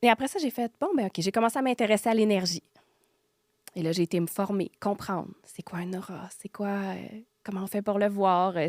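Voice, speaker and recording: A woman with a Quebec French accent, a guest on a podcast, telling her own experiences in animated casual talk and acting out what she thought and said. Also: medium pitch, dry recording, studio quality. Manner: animated, acts out her own quoted thoughts, drops to near-whispers. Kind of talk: casual storytelling interview.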